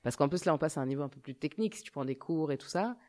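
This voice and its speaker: Low-voiced chatty woman host. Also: lively intonation, very fast, warm tone. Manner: chatty, encouraging, asks many questions. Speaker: radio host. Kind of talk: casual radio chat.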